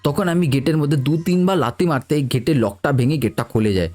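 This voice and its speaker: A man's voice: a little high, lively intonation, fast, darkish tone. A man narrating a true ghost story in the first person, in a casual, conversational way.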